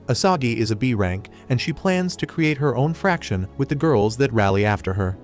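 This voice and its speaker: A man narrating a scripted anime recap in a steady, even telling. His voice sits in a middle pitch for a man. Quiet music plays underneath. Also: moderate pace. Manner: steady plot-summary narration.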